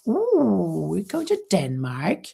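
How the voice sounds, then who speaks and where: Faint music plays behind a middle-aged Norwegian woman livestreaming casually from home near a terrace. Her medium-pitched voice is mellow, gravelly and slightly rough, slow-paced yet marked by huge pitch swings. She chats, reads viewer comments, laughs often and restarts words.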